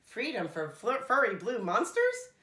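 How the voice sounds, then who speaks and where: A woman voicing a big yellow bird in a children's storybook, friendly, naive and curious, speaking with simple-hearted emphasis. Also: on the high side, wildly swooping pitch, a little slow, roomy sound, distant mic, voice pushed up, full character voice.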